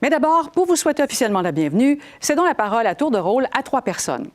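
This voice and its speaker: A woman's voice: high voice, sing-song, fast talker, darkish tone. A woman, hosting a live event in a playful manner, stretching out words for emphasis. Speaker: host.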